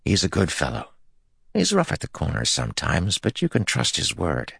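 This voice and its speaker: A man's voice: extremely low pitch, wildly swooping pitch, moderate pace, vocal fry, fairly bright tone, husky, no echo, studio quality, exaggerated voice. A man voicing a roguish, easygoing young man in an audiobook, casual and coaxing.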